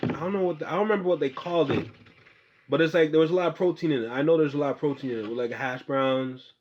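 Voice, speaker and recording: A young man with a fairly high voice talks fast while hosting a podcast, chatting casually with a friend. He's loose and slangy, laughs a lot, and swears offhandedly. The room recording sounds muffled and lo-fi.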